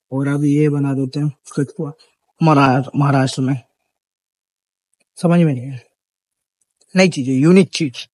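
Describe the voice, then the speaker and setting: A man's voice: fairly high pitch, no echo. A young man chatting casually and upbeat as he vlogs his walking pilgrimage. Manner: chatty, jokey, upbeat, religious greetings. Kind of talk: casual vlog narration while walking.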